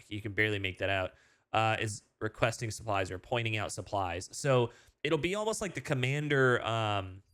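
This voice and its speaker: A man's voice: mid-range voice, fairly bright tone. A man casually reading game update notes aloud and reacting, with frequent fillers and restarts, sounding sleepy early in the morning. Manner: chatty, many fillers and restarts, reads aloud then reacts. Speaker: gaming video host.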